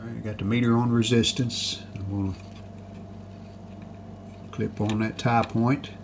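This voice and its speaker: A hobbyist restorer presents a repair video, talking casually through the hands-on work and thinking aloud as he goes. His fairly low voice is flat, very slow and unhurried, with clear noise behind it.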